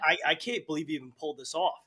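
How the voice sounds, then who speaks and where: A man's voice: fairly high pitch, racing, over a noisy crowd. A man appearing as a guest in a studio, talking eagerly and rambling with restarts into a desk mic. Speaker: event founder guest. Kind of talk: excited talk-show chat.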